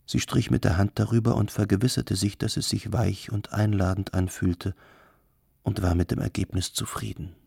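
A man narrating an audiobook in a calm, measured storytelling manner. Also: on the low side, gravelly, breathy edge, no echo, studio quality. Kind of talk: scripted narration.

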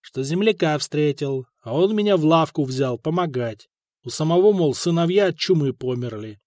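Cheeky hungry street kid, eager, bouncy pitch, a man putting him on. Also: expressive, normal speed, a little mellow, dry recording, clean studio sound, close to an everyday voice. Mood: explaining.

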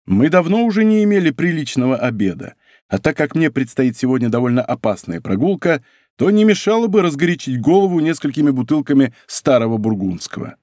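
A man's voice: mid-range voice, big pitch swings, brisk, darkish tone, no room sound, studio quality, natural voice. A man voicing a bold, teasing young male nobleman in an audiobook reading.

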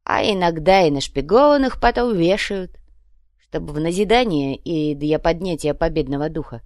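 A woman voicing a calm, lisping male savage who talks slowly and flatly. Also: sits low, no room sound, clean studio sound. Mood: gruff. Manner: slow, flat delivery with a lisp. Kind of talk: audiobook reading.

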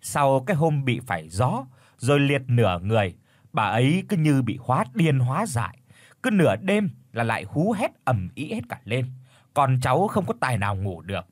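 Male audiobook narrator, expressive, husky, dry close sound. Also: mid-range voice, moderate pace, no echo. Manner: expressive, dramatic. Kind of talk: storytelling narration.

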